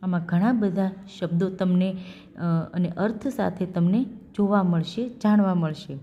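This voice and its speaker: A woman teacher with a Gujarati accent, reading a school lesson aloud and explaining words one by one in a slow, deliberate dictation. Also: on the low side, warm tone, highs cut off.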